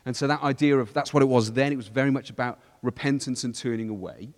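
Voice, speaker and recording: A man from a church team explaining Bible passages in a relaxed discussion, often restarting phrases and quoting scripture. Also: mid-range voice, quick pace, in a large hall. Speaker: church leader. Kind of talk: casual Bible study discussion.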